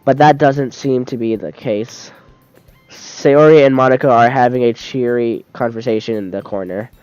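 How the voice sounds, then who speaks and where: A man's voice: mid-range voice, moderate pace, darkish tone, clear, resonant tone, dry recording. A man streaming a game, reading its text aloud in a casual let's-play, often stumbling and restarting mid-word and laughing easily. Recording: dull lo-fi sound, dry close mic, faint music behind.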